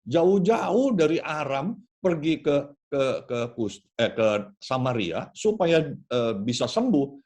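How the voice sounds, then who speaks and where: A man's voice: very animated, slow pace, hardly any pauses, a little mellow. Pastor man telling a story animatedly. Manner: casual storytelling, swings pitch widely. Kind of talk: sermon.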